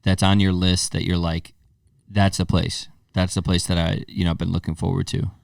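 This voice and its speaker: A man's voice: low-pitched, flat delivery, normal speed, gravelly, dry recording, studio quality, distant mic. A man hosting a podcast, chatting in an encouraging and affirming way, often hesitant as he finds his phrasing. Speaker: podcast host. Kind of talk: casual interview chat.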